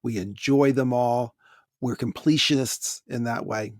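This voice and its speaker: A man's voice: mid-range voice, a little slow, dry recording. Dry-voiced American man reading listener mail. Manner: reads emails aloud with dry asides. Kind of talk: casual podcast chat. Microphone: close podcast microphone.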